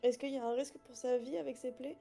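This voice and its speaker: A woman plays a tabletop game, asking questions casually. Her voice is somewhat high and very dark and mellow in tone, over faint music. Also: steady tone, fast talker, vocal fry. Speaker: player. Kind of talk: casual tabletop role-play chat. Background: background music.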